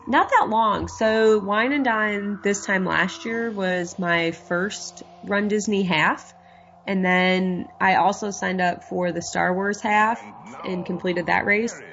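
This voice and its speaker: A woman's voice: mid-range voice, takes it slowly, fairly bright tone, a little hiss or hum. A woman with a nasal, congested voice from a cold, chatting casually as a podcast co-host and laughing often. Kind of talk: casual chat. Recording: dull lo-fi audio.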